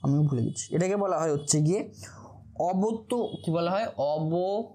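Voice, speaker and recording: A man's voice: sits high, animated, normal speed, warm tone. Man repeating questions in a lecture. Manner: asks the same question again and again, then answers it himself; stumbles over technical terms and jokes about it. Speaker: physics tutor. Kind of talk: informal classroom lecture.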